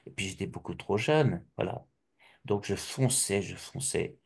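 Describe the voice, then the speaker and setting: A middle-aged man from Alsace giving a personal testimony, halting and restarting often with repeated words. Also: sits low, vocal fry, breathy edge. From Alsace, France.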